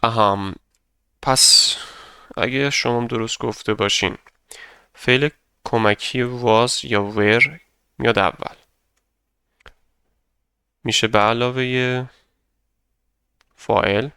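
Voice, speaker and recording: Bright, clear-voiced male language teacher. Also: mid-range voice, fairly even intonation, dry recording. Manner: patient, explains step by step, models English sentences slowly for repetition. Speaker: English teacher. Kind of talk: grammar lesson narration over slides.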